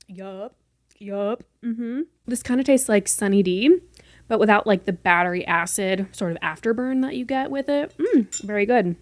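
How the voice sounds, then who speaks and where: A podcast host in her twenties, from North Carolina, talks in a mid-range voice with no echo as she records solo from her room. Casual, playful and quick-talking, she sounds mostly neutral American with hints of a light Southern lilt now and then.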